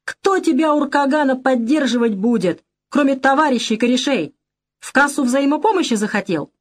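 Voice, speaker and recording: A woman's voice: high-pitched, expressive, moderate pace, pitched above the performer's own voice. A woman reading an audiobook voices a scheming male camp ringleader who shrieks with hysterical contempt. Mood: shrill scornful. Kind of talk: audiobook character voice.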